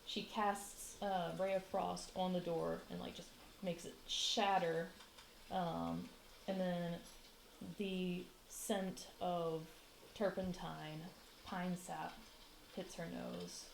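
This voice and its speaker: Low slow lady dm narrating a tabletop game, kinda gravelly, echoey room. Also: slight background noise. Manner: relaxed, with frequent ums and giggles. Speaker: game master.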